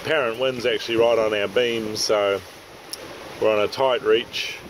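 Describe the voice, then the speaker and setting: A middle-aged man hosting a sailing vlog, talking in a relaxed, matter-of-fact way with sailing terms, filmed in a boat's open cockpit at sea. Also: fairly low pitch, moderate pace, rough recording. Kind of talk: casual vlog narration. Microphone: handheld camera mic, wind on it. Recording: windy outdoor camera audio. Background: wind and water noise.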